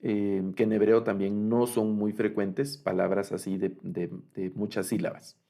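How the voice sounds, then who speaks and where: Gravelly-voiced man teaching a class. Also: on the low side, level tone, warm tone. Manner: explains patiently with many fillers, repeats and sounds out words slowly. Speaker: Biblical Hebrew teacher. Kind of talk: recorded online lecture.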